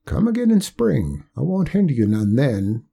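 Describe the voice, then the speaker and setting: A man's voice: medium pitch, sing-song, normal speed, gravelly, warm tone, husky, voice pushed up, heavily acted. A man voicing a stubborn, folksy old backwoods man with a drawling country way of talking. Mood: pleading. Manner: drawling country speech, raised and insistent.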